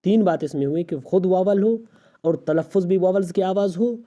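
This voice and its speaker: A man's voice: sits high, warm tone. A male English teacher giving a recorded grammar lesson, explaining step by step and asking rhetorical questions of his student.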